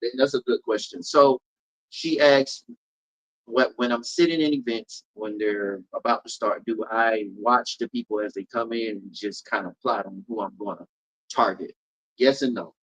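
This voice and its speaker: A man's voice: medium pitch, moderate pace, low-quality recording. Male comedian and event host from Florida, mid-range voice, punchy emphatic riffs, casual interview. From Polk County, Florida. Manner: animated, emphatic storytelling with repeated riffs.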